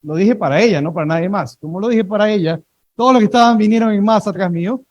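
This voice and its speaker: A male pastor preaching a sermon, telling lively everyday stories and having the congregation repeat words after him. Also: high-pitched, quick pace, highs cut off.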